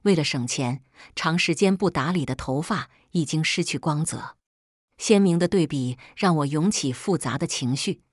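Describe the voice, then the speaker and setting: Husky woman narrating a story. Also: low voice, dry recording, studio quality. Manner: calm, measured storytelling. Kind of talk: scripted first-person narration.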